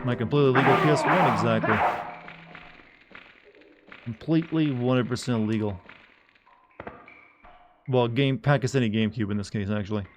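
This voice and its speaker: A man's voice: medium pitch, moderate pace, pauses often, loud music behind the voice. A man giving casual gameplay commentary as a streamer, rambling along in a wry way. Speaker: game streamer.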